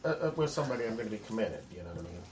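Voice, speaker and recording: A woman guest on a chat podcast, talking haltingly and repeating herself with lots of "I mean.". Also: a bass voice, very animated. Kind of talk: casual discussion. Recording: echoey room, faint noise.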